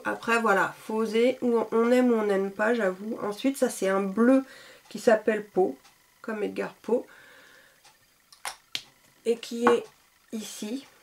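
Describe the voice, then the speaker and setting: A woman talks through her lipstick collection in a relaxed, chatty way, with plenty of fillers. Her voice sits a little high. It sounds like she is at home, recorded on her camera mic. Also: a little hiss or hum. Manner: chatty, enthusiastic, many fillers. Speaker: beauty vlogger. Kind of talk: casual product showcase.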